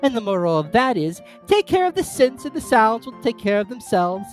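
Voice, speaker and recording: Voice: mid-range voice, very animated, fairly quick, faint music behind, pitched above the performer's own voice, lightly acted. A reader voicing an ugly, fawning old duchess who turns everything into a moral, in a gushing, sing-song tone.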